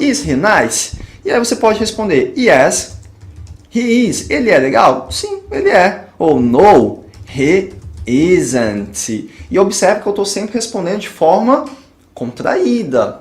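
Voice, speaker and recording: Man, teacher type, high and expressive voice, patient step-by-step explainer, recorded in an echoey room. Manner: explains patiently, often asking the viewer "tá?" and "ok?"; slows down sharply on English example phrases. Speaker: English teacher. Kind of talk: classroom lesson at a whiteboard.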